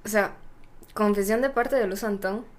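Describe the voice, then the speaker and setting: A young woman co-hosting a casual podcast, soft-spoken and a bit drunk. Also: mid-range voice, normal speed, a little hiss or hum. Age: young adult. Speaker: podcast co-host. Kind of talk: casual live-stream chat.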